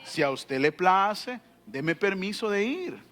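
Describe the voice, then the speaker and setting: A man voicing the humble cupbearer Nehemiah in a sermon, speaking in a quiet, sorrowful, pleading way. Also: high voice, big pitch swings, takes it slowly, faint music behind, full character voice.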